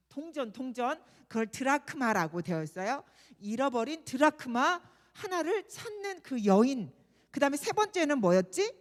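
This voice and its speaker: High, animated woman telling children a Bible story. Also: big-room sound. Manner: animated, expressive, asks children questions. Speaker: children's worship teacher. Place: church.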